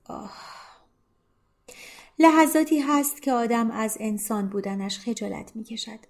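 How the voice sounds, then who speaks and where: A woman reading the part of a tender, melancholy teenage girl in love, in a soft, slightly raised voice. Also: fairly high pitch, close to an everyday voice. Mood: sad. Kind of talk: audiobook character reading.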